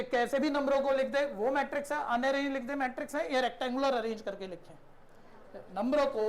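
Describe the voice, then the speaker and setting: A man's voice: high voice, slight background noise. A man teaching a math class in a conversational lecture style, often checking in with his students and asking them questions.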